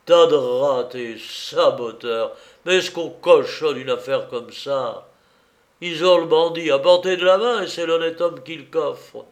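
A man voicing a furious, imperious nobleman, exclaiming loudly in an audiobook reading. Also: on the high side, expressive, takes it slowly, pitched above the performer's own voice. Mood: raging. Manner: shouting, exclaiming in anger.

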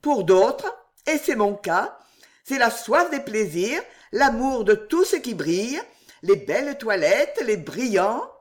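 A woman voicing an emotional young courtesan in an audiobook, heartfelt and impulsive, with her voice lifted higher. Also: big pitch swings, slow pace. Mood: earnest. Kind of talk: audiobook character reading.

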